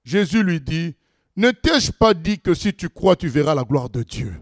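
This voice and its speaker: A man preaching a sermon, reading scripture aloud and commenting on it, swinging between loud exclamations and low asides. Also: animated, a little slow, no room sound, clean studio sound.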